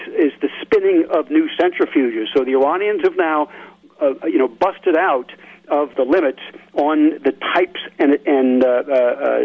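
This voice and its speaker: A man's voice: fairly high pitch, a little mellow. Man, analyst guest, phone-line sound, earnest and insistent. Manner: earnest, insistent, with frequent restarts. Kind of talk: radio interview.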